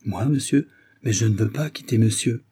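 A man's voice: lowish voice, moderate pace, gravelly, warm tone, breathy edge. A man reading aloud as a mournful, deferential valet with a plaintive voice. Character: mournful, long-suffering male valet.

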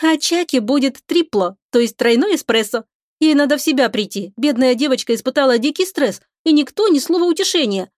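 A woman's voice: high voice, lively intonation, a little fast, no echo, studio quality, pitched above the performer's own voice. A woman voicing a bubbly, eager young female sailor on a starship, with a playful, sing-song delivery.

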